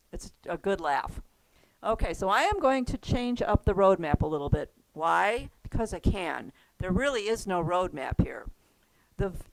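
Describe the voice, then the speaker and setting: A woman teaching a relaxed music class, chatty and quick to laugh, often trailing off and restarting her sentences. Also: mid-range voice, no room sound, low-quality recording. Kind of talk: casual class lesson.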